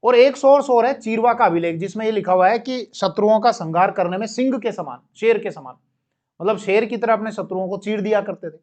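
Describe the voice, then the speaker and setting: A man delivers a classroom-style history lesson, explaining along the way with side comments and quick corrections of himself as he speaks. His voice is pitched high with a somewhat dark tone.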